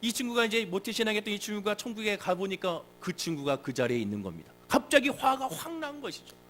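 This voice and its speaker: Guy pastor giving a sermon, pretty high voice, keeps asking the crowd and repeating himself. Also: sing-song, quick pace, a bit bright. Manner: emphatic, with rhetorical questions and repetition. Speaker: senior pastor.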